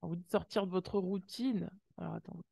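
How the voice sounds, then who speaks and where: On the low side and brisk, her voice is gravelly with a breathy edge, recorded at studio quality without room sound. She's doing an intuitive oracle card reading, talking warmly and directly to viewers with lots of exclamations, gasped wows and sound effects.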